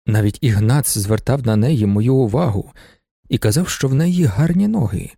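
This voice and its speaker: A reserved middle-aged merchant in a storybook reading, muttering his thoughts in a dry, lowered voice, as a male narrator gives them. The tone is gravelly and close, with no room sound. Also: animated, moderate pace, warm tone, dry recording. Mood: musing.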